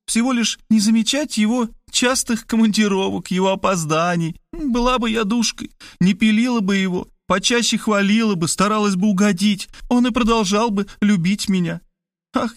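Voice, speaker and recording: High plaintive young woman, emotional sister, sighing and pleading, audiobook, read by a man, dry sound. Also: normal speed, no room sound. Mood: regretful. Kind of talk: audiobook reading.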